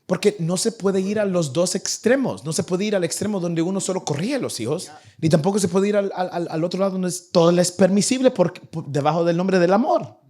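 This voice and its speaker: A young man preaching a sermon to his church, animated and acting out the people in his stories. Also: high voice, fairly quick. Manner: animated, acts out nagging parents in a raised voice. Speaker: pastor. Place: church in Vancouver.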